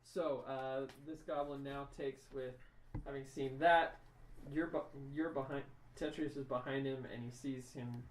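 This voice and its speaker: A man's voice: mid-range voice, fairly even intonation, unhurried. A man running a tabletop game as dungeon master, narrating the action in a loose, descriptive way. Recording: echoey room mic from a distance, noisy.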